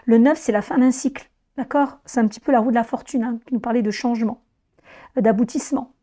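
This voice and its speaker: Hoarse, mellow woman reading tarot. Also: a little high, quick pace. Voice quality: hoarse, strained voice. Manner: addresses viewers directly, explanatory. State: hoarse, voice weakened by laryngitis after flu. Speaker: tarot reader presenting a monthly horoscope reading. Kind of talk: informal spoken tarot reading to viewers.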